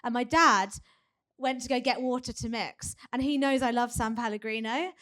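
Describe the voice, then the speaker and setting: A woman's voice: on the high side, fairly even intonation, moderate pace, fairly bright tone. A young woman, a marathon runner, chatting and laughing often with many fillers in a live podcast interview. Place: live event hub.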